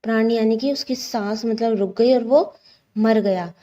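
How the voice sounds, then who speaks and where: A woman's voice: on the high side, unhurried, warm tone. A woman teacher reading a children's textbook story aloud, explaining hard words with simple ones and asking rhetorical questions.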